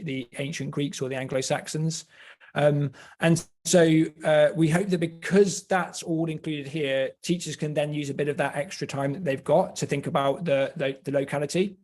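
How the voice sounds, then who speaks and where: A man's voice: a little high, a little mellow. Man presenting, hesitant and explanatory. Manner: hesitant, explanatory, with repeated words. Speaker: presenter of school curriculum resources. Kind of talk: semi-scripted webinar presentation.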